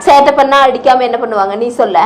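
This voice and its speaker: A woman's voice: fairly high pitch, fast talker, a little hiss or hum. A mother sternly questioning and scolding her small daughter. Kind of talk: home video scolding a child.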